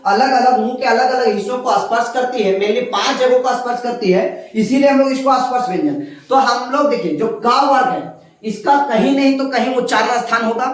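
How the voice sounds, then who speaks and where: A woman teacher explaining a lesson patiently, step by step, sounding out letters slowly at a writing board. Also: fairly high pitch, recorded from a distance. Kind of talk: classroom lesson. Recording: very echoey room, voice off-mic.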